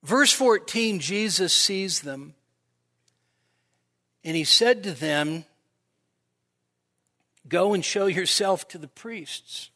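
A man's voice: high-pitched, expressive, slow pace, long pauses, sharp tone. A man preaching a sermon in a conversational way, often asking his listeners rhetorical questions. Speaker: pastor.

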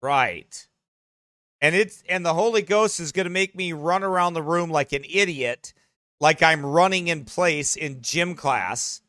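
A man preaching a sermon in a high, bright, sharp voice, mocking what he describes and reading passages aloud. The sound is close and dry. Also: unhurried, no room sound. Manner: mocking, animated, reads quotes aloud. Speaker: pastor.

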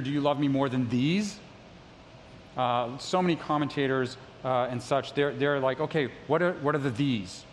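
During a sermon in a church sanctuary, a middle-aged male pastor speaks in a relaxed, conversational manner and drops self-deprecating asides to the congregation. His voice is a bit high for a man, and the recording has a long big-hall reverb over a faint hiss.

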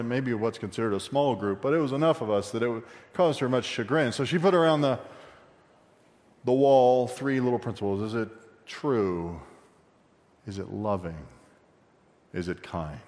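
A man's voice: medium pitch, normal speed, long pauses, a little mellow, long reverb tail. A male pastor preaching a sermon, conversational, with asides and questions to the congregation.

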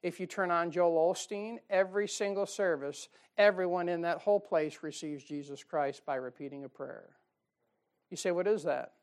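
A man preaching a sermon on soul-winning, shifting from loud emphasis to quiet asides and slowing down to read scripture. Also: on the high side. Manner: reads scripture in slow, drawn-out emphasis.

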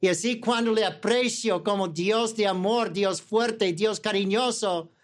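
A man's voice: sits high, a little slow. Emphatic male preacher, stacked phrases. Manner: emphatic, building repeated parallel phrases; self-correcting mid-word. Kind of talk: Sunday sermon.

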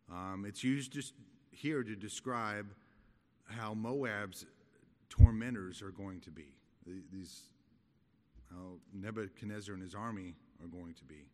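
A middle-aged man giving an expository Bible study in a halting, conversational, explanatory manner. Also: low voice, darkish tone. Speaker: Bible teacher. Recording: echoey hall with long reverb.

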